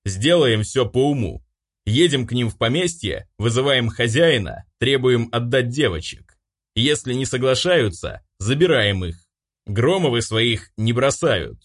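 A man voicing a stern old grandfather, head of a noble clan, who speaks with booming authority. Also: expressive, measured pace.

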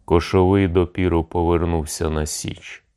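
A man's voice: low voice, level tone, moderate pace, dark tone, clear, resonant tone, close to an everyday voice. A man voicing a gloomy, towering cossack who speaks bluntly in an audiobook. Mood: grim. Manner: grim, blunt.

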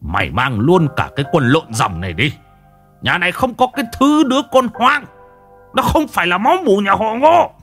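A man voicing a furious old father who shouts and scolds his son, with faint music behind. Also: high-pitched, sing-song, normal speed, few pauses, husky, voice pushed up, heavily acted. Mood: furious shouting. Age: older.

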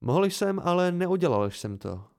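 A man voicing a guarded, sheepish young male student, speaking low and subdued. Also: big pitch swings, a little mellow.

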